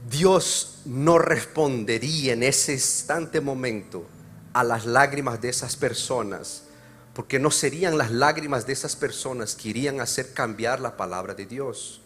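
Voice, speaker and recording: Preaching pastor with soft music behind. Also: male voice, mid-range voice. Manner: swings from loud preaching to quiet, slow explanation. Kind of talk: sermon. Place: church service.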